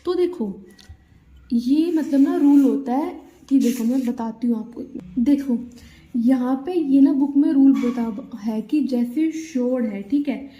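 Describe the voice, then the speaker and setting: A woman teaches shorthand vowels in a slow, patient way and keeps checking that her students follow. Her voice is high and mellow. The recording sounds dull and lo-fi, with a roomy echo. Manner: patient, repeats "theek hai" and "dekho" often. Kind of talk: explaining steno vowels step by step.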